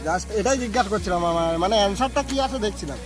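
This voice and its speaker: A man's voice: high-pitched, lively intonation, very fast, music in the background. A man hosting casually, putting insistent questions to his friends. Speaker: host making prank calls to friends. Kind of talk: casual chat.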